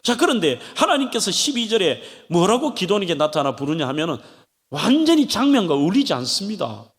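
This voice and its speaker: High, animated preaching man in a reverberant church. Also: brisk. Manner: animated preaching, acting out pleading voices of biblical figures. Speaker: pastor. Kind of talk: sermon. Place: church sanctuary. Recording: long hall reverb of a church.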